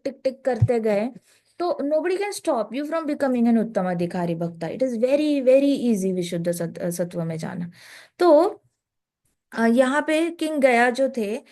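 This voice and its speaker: A woman's voice: on the high side, a little mellow. A woman giving a conversational scripture talk as a devotional speaker, often mixing in English phrases.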